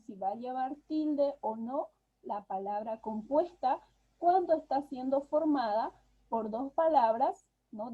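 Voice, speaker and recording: Husky-voiced woman teacher on a dull call. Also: fairly high pitch. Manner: patient, explanatory, tags phrases with "¿no?". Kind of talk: online class lecture. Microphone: video call. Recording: dull lo-fi video call audio.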